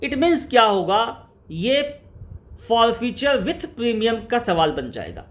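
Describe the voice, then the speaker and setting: A man teaching company accounts, repeating key terms slowly and firing rhetorical questions at his students. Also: very high-pitched, very animated. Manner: repetitive, drilling, slows right down to spell out key terms. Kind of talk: classroom-style lecture in Hindi-English mix.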